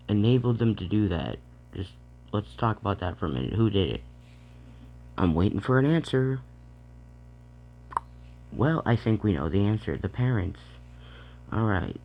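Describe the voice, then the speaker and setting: A man's voice: sits low, creaky, highs cut off, slight background noise. A man with a Boston accent, a rapper ranting bluntly and profanely about current issues in a casual vlog. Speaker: rapper and vlogger.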